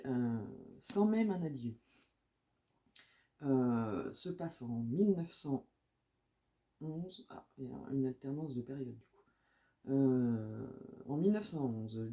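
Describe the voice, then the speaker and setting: Dark-voiced chatty woman book vlogger. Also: extremely low pitch. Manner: chatty, hesitant, frequent filler sounds; reads book blurbs aloud. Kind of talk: casual chat about books.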